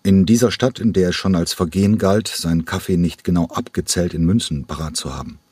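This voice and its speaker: A man reading an audiobook in a measured, steady narration. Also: deep voice, slightly rough, no room sound. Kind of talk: scripted narration.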